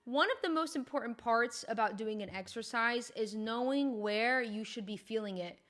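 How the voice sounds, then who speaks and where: A woman's voice: on the high side, normal speed, a bit bright. A young woman fitness coach explaining gym technique in a chatty, upbeat, informal way. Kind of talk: casual instructional talk.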